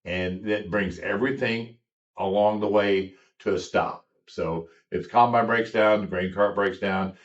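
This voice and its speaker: A middle-aged American man, a farmer, talking casually in a reflective, halting way. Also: lowish voice, steady tone. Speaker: farmer guest. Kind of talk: casual conversation. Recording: distant mic, dull muffled sound.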